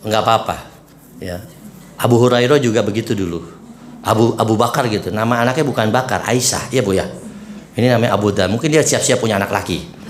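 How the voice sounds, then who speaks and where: A preacher gives a brisk religious lesson to a group of women, his pitch jumping lively for emphasis as he keeps asking the audience questions. The room is echoey with faint ambient noise.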